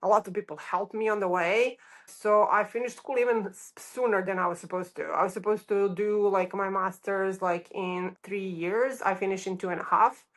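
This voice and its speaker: A middle-aged Serbian woman with a Serbian accent, an architect, tells her story as a podcast guest. Her medium-pitched voice keeps a fairly even intonation at a moderate pace, and her chatty, informal delivery is sprinkled with "like."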